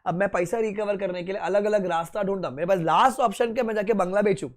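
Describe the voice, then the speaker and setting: High-voiced lecturer quizzing his students. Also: quick pace. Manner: quizzing, playful, answers his own questions; mixes Hindi and English. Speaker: teacher. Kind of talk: classroom lecture.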